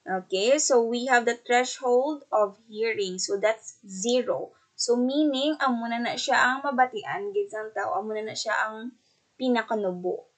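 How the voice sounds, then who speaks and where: Filipino-accented female teacher, fairly high voice, explanatory lecture style. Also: moderate pace. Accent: Filipino, Hiligaynon. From Philippines. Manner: explanatory, repeats "okay" and "so" often. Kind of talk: classroom lecture mixing English and Hiligaynon.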